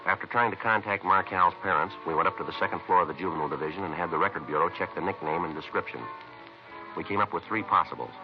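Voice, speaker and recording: Narrating as the lead detective of a 1950s radio crime drama, this methodical American cop speaks in a very low voice, moving quickly through times and facts. He's terse, clipped, and deadpan, with little feeling, and the dated, dull recording carries faint background music.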